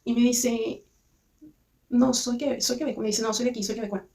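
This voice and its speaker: A woman's voice: a little high, steady tone, normal speed, mellow, recorded from a distance. A young Mexican woman with a Mexican accent telling a personal story in a rambling, chatty vlog monologue full of restarts. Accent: Mexican Spanish. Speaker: vlogger.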